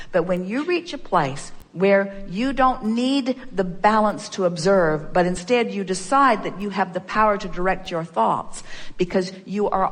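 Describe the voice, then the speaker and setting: A woman's voice: mid-range voice, long reverb tail. A woman giving an emphatic spiritual seminar talk, repeating phrases for emphasis and speaking as "we". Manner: emphatic, repetitive, speaks for a collective "we". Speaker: spiritual teacher.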